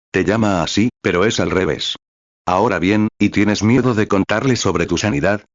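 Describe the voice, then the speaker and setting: Very deep-voiced man reading a sermon. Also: no echo, dull audio. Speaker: reader of a translated sermon. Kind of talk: sermon read aloud.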